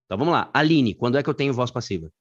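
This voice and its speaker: A man with a Brazilian Portuguese accent teaching grammar in a live online class, slangy and lively, calling on students by name. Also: mid-range voice, racing, muffled recording, background noise.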